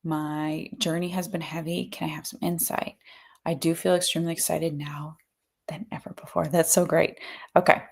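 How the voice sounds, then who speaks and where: A woman host talks in an informal, halting way, as a channeler chatting with followers. Her voice is a touch low, with plenty of gravelly fry. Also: flat delivery, darkish tone. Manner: informal, halting, acts out quoted encouragement. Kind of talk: casual chat, reading out requests.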